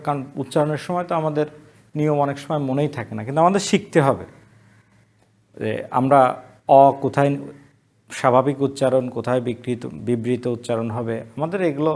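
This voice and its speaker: A Bangladeshi man lectures a Bengali class at a college online, walking through the rules one step at a time and posing questions he then answers himself. His voice sits in the mid range and has a slightly mellow quality.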